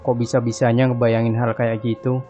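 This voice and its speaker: A man's voice: medium pitch, completely flat delivery, brisk. A man narrating a horror story in a casual, conversational reading style. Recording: dull lo-fi with faint music.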